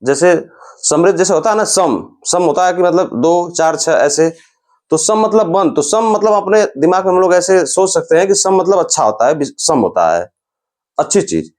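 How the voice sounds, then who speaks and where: Male grammar teacher, lively pitch, slightly high voice, patient and repetitive. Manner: explains slowly, repeats sounds and terms, often says "dekhiye". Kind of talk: classroom-style lecture.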